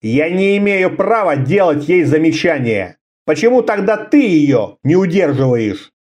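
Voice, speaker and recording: A proud young barbarian, as a male narrator voices him, calm and terse in every reply. His voice is fairly high for a man and moves through a wide pitch range. It sounds like a fantasy read-aloud. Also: unhurried. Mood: cool.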